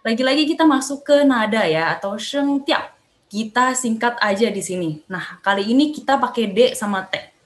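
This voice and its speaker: A woman's voice: a little high, expressive, normal speed, soft background music. A young woman teaches a live online language class, chatty and upbeat. She sounds out syllables with big, exaggerated tones. Her voice rings in an echoey room. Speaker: Mandarin teacher.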